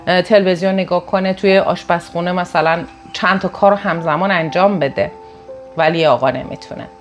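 A woman giving a recorded self-help lesson in a conversational way, deliberately raising and lowering her tone as she talks. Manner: deliberately varies tone and loudness, conversational. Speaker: self-help course teacher.

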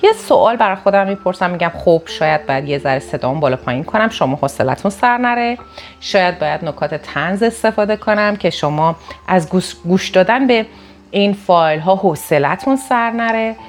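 Woman, lowish voice, conversational self-help teacher, plays with her tone, soft music underneath. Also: lively intonation. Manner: deliberately varies tone and loudness, conversational. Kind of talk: recorded audio lesson.

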